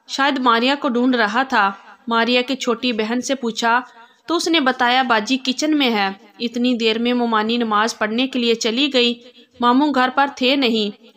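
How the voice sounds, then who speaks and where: Casting: female storyteller, slightly high voice, steady emotional read-aloud narration.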